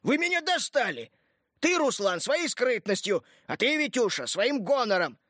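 A man reading an audiobook, voicing an exasperated older army warrant officer who scolds loudly. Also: fairly high pitch, lively intonation, brisk, dry recording, clean studio sound. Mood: scolding. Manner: scolding, raises his voice sharply.

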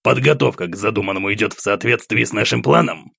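A man voicing an older count, a brisk military-style uncle with a husky, gravelly voice who gets straight to business. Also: fairly low pitch, a bit bright, dry recording, studio quality, full character voice.

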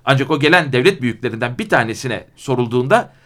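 A man who is a guest on a radio talk show explains historical events slowly and deliberately, with frequent hesitation sounds. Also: medium pitch, lively intonation, a bit bright. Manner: slow, deliberate, many hesitations. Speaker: studio guest, legal scholar. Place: radio studio.

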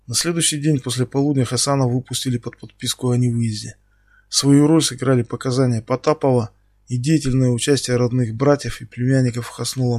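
A man reading a dark crime novel aloud as scripted narration. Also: mid-range voice, dry recording, studio quality. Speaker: audiobook narrator.

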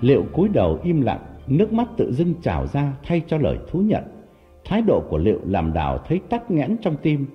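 A man narrating a story in an expressive, dramatic storytelling manner. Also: mid-range voice, fairly quick. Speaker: audiobook narrator. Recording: dull lo-fi audio with background music.

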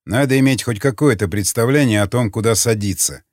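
A man's voice: medium pitch, a little fast, dry recording, clean studio sound, natural voice. A man voicing a curt, commanding pilot who barks orders, read in an audiobook. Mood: calm commanding. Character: gruff tense male pilot, curt and commanding. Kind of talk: audiobook character voice.

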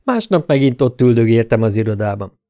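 A man's voice: medium pitch, sing-song, music in the background. A man reading a hard-boiled novel aloud as an audiobook, in a dry, laconic manner. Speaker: audiobook reader.

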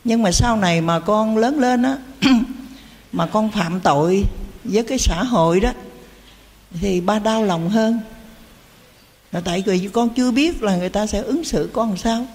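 A woman's voice: medium pitch, unhurried, long pauses, darkish tone, long reverb tail. Woman giving a dharma talk. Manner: folksy storytelling, rhetorical questions. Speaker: Buddhist teacher.

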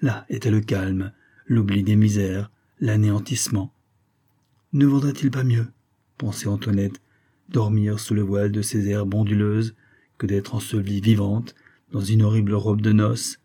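Low, husky male storyteller. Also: fairly even intonation, normal speed, warm tone. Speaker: audiobook reader. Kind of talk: literary narration.

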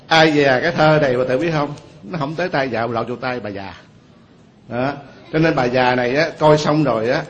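A man's voice: medium pitch, a little hiss or hum. A man with a Southern Vietnamese accent, a Buddhist monk giving a sermon, telling stories and often asking the audience questions.

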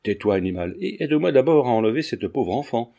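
A brave young gentleman gives orders in a firm, brusque way, read by a male narrator. The voice is mellow and mid-pitched. He sounds steady and in charge. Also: brisk, lightly acted. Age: young adult. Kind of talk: audiobook character reading.

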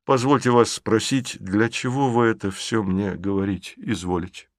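A man's voice: fairly low pitch, steady tone, normal speed, dry recording, clean studio sound, natural voice. A man voicing a stern, tormented nobleman who speaks with cold, restrained bitterness. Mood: bitter.

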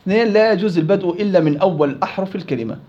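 Male teacher, fairly high, mellow voice, lecturing and quizzing a class; muffled lo-fi recording. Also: rapid-fire. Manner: explains rules, then quizzes students. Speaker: Quran recitation teacher.

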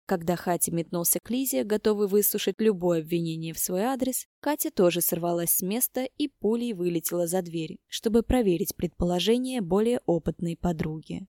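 A woman narrates an audiobook in a low, dark voice. Her telling is even and steady. The sound is dry and close, with no room. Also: no room sound.

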